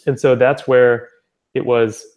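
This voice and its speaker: A young man explaining something in a loose, rambling way, full of fillers and self-corrections. His voice sits at an ordinary middle pitch and stays very flat, with little rise or fall. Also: slow pace. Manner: rambling, with many fillers and restarts. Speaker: founder presenting his language-exchange platform. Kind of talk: casual spoken presentation.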